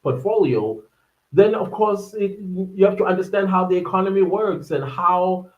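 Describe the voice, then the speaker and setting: A man's voice: sits high, normal speed, roomy sound, phone-quality sound. A man in his thirties from Durban with a South African accent, talking casually on his solo podcast, rambling and searching for words with many fillers. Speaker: podcast host.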